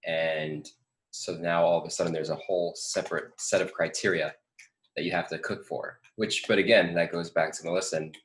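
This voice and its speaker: A man co-hosting a casual TV recap chat, explaining things at a measured pace with frequent restarts. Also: deep voice, fairly even intonation, a bit bright. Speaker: co-host.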